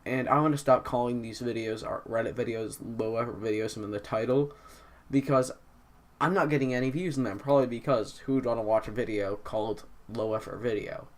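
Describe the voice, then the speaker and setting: A man's voice: medium pitch, a little fast. A young man hosting a casual video, reading posts aloud and commenting in a self-deprecating way, stumbling and slurring because his mouth is numb from the dentist. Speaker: host of a Reddit reading video.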